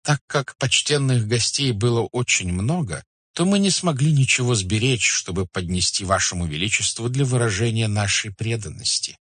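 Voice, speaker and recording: A man's voice: medium pitch, animated, moderate pace, hardly any pauses, fairly bright tone, slightly rough, dry recording, pitched above the performer's own voice. A man voicing an obsequious older merchant elder who speaks in a flowery, deferential, pleading way, read as an audiobook character. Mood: servile.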